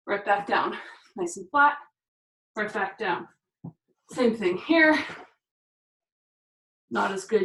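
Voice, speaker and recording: A woman's voice: fairly high pitch, a bit bright. A woman fitness instructor talking through shoulder and core exercises while doing them, a little out of breath. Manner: talks through each move while doing it, counting reps. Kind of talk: exercise demonstration. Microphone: camera mic from a distance. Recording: echoey room, voice far from the mic.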